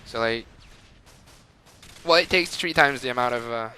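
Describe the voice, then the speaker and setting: A young gamer from Montreal with a Quebec French accent rambles through casual gameplay commentary, chatty and full of fillers and laughs. His mid-range voice sounds bright and forceful at a normal speed.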